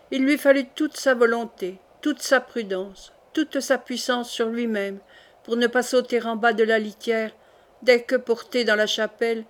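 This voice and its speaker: A woman narrating a classic novel as an audiobook, in an even, measured storytelling voice. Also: a little high.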